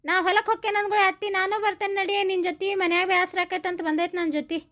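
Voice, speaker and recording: Bright, high rustic village woman. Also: little pitch movement, rapid-fire. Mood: chatty. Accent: North Karnataka Kannada. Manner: blunt, scolding, rustic. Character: chatty middle-aged village woman field worker. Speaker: cartoon voice actor.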